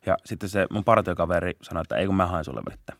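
A young man, a police officer, telling a story in a casual podcast interview, laughing often and shouting out bursts of the chase. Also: low voice, no room sound, studio quality. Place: podcast studio.

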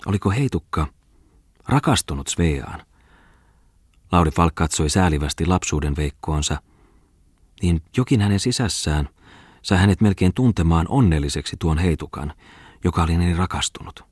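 Deep raspy guy reading a book, steady pace, dry close mic. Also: pauses often, dry recording. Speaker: audiobook reader. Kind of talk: audiobook narration.

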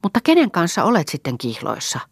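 A woman's voice: on the low side, huge pitch swings, breathy edge, no room sound, voice pushed up, full character voice. Lady doing nosy old widow, a bit reproachful, dry booth sound. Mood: curious. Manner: wondering and mildly reproachful. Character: curious, gently scolding older widow. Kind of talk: audiobook character reading.

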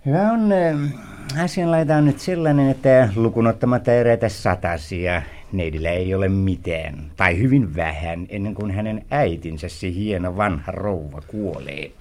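An actor playing a fussy, placating lawyer in a 1960s radio drama, smoothing things over. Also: male voice, low voice, animated, a little mellow. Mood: smooth persuasive. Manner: fussy, placating, stammers when flustered. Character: fussy soothing middle-aged lawyer.

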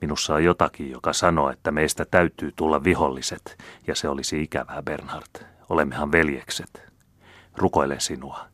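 A man's voice: very deep voice, steady tone, fairly bright tone, dry recording. A male audiobook reader voicing a brooding young nobleman who talks grimly and insistently. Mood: grim pleading. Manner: grim, insistent, pleading.

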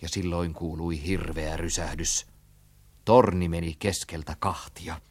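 A man reading a children's story aloud in an animated, rhythmic storytelling style. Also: sits low. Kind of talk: expressive storybook narration.

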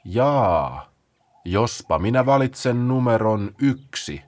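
A man voicing lazy, sleepy sloths for a children's storybook, drawling very slowly with yawning hesitations. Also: medium pitch, sing-song, darkish tone, lightly acted.

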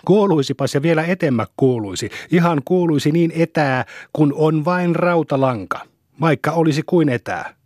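A man's voice: fairly high pitch, a little mellow, no echo, studio quality, pitched above the performer's own voice, close to an everyday voice. A man voicing a boastful little village boy who eagerly explains things he half understands.

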